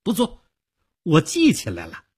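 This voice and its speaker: A cocky young ticket clerk, as a man puts him on, husky and pitched well above the reader's own low voice. He talks with a sneering swagger that easily turns to stammering. It is a radio storybook reading. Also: wildly swooping pitch, measured pace, exaggerated voice. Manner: cocky, then stammering when frightened. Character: arrogant young male ticket clerk, long-haired.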